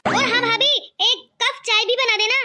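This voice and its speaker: A woman's voice: extremely high pitch, fairly even intonation, normal speed, pushed and bright, faint music behind, heavily acted. A woman voicing a kind young man in a cartoon who pleads and teases lightly. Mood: pleading. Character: kind cheerful young man defending his sister-in-law.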